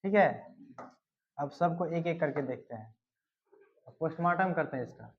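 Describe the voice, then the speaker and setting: Male teacher on a lesson video: slightly high voice, quizzes and repeats answers. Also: animated, moderate pace. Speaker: general knowledge teacher. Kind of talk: classroom lesson with memory tricks. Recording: dull lo-fi recording.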